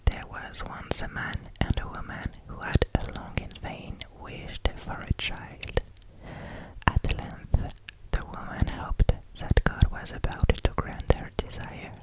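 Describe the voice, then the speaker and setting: A native French speaker with a French accent reading in a hushed, close ASMR whisper, carefully and a little haltingly. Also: poor audio. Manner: careful, halting over difficult English words. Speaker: ASMR reader. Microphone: close microphone.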